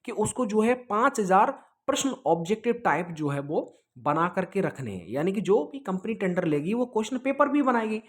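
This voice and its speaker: Teaching exam students informally online, this man explains points repeatedly, tosses in check-in questions and code-mixes English words. His voice sits high and is very animated, moving at a moderate pace with few pauses.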